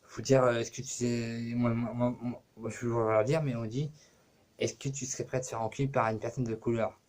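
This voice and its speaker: A man's voice: medium pitch, little pitch movement, fairly quick, a little mellow. A man talking casually to his camera for his own channel, rambling and cursing with many fillers. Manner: rambling, profane, full of fillers. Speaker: YouTuber.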